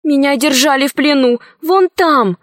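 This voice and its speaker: A woman's voice: high-pitched, a little slow, dry recording, studio quality, voice pushed up. A woman voicing a frightened young girl who was held captive, reading a storybook aloud. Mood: pleading.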